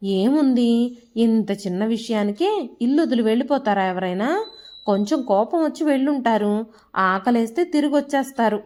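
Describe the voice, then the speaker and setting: A woman's voice: on the high side, expressive, moderate pace, darkish tone, close to an everyday voice. A woman storyteller voicing a cold, dismissive young daughter-in-law with a curt, indifferent manner.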